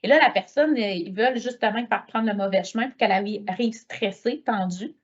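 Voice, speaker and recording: A middle-aged woman with a Quebec French accent giving a conference talk, telling lively stories and acting out the dialogue. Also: medium pitch, a little fast, lo-fi sound. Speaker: lecturer.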